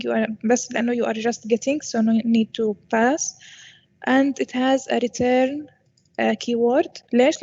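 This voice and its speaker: A woman's voice: fairly high pitch, vocal fry, darkish tone, highs cut off. A woman with an Arabic accent, a native Arabic speaker, explaining as a teacher to a class, switching between English and Arabic and often checking understanding. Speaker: university programming lecturer.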